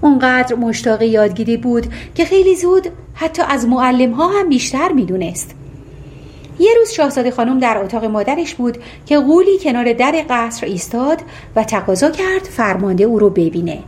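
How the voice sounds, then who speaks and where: Higher-voiced woman reading a fairy tale. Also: a little hiss or hum. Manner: expressive storyteller. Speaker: audiobook narrator. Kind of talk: storytelling narration.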